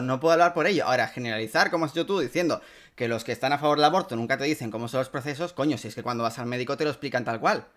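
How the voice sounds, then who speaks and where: A man with a Spain Spanish accent speaks quickly in a live online debate, his voice sitting a little high. He stays composed, keeps pulling the discussion back to order and asks the other side to relax. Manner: calm, insists on order, repeatedly tells opponent to calm down. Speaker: YouTuber debating.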